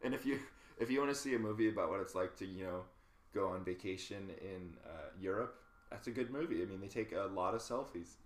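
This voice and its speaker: A man's voice: deep voice, brisk, reverberant. A man co-hosting a film podcast, chatting casually, bluntly and with swearing, and laughing easily. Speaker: podcast co-host.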